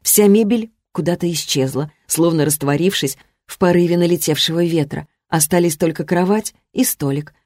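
A woman reading a first-person romantic fantasy novel aloud, expressive, lifting her voice for the heroine's lines. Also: lowish voice, no room sound, clean studio sound. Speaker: audiobook narrator. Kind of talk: first-person fiction narration.

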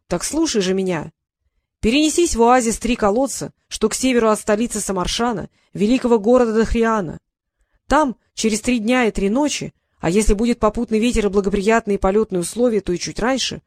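A woman's voice: a little high, fairly quick, darkish tone, no echo, studio quality, natural voice. A woman voicing a huge, vain male dragon who speaks grandly and a little bashfully. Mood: grandiose. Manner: grandiose, declaiming.

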